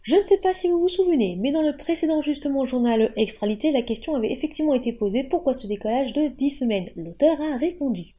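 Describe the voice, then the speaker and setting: A woman's voice: fairly high pitch, mellow. A woman hosting a monthly book news show, reading in a scripted news style with playful whispered asides.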